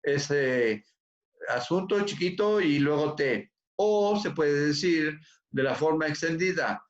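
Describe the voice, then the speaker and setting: A man's voice: a little high, animated, slow pace. A man teaching English over a video call, repeating words and checking on his students. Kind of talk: online class teaching. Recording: dull echoey room audio.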